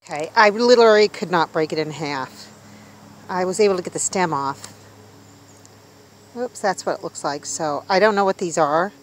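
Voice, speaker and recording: A woman in her fifties vlogs casually while walking through the woods, filmed on a handheld phone outdoors, chatting and wondering aloud as she goes. Her voice is on the low side with a moderate pace, frequent pauses, and a little hiss or hum.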